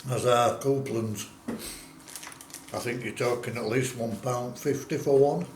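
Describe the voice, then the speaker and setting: A man records a casual food review in a roomy, echoing space with faint noise behind him. His pitch sits in the middle, and he talks in unhurried, plain-spoken phrases, as a small-time vlogger would. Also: steady tone.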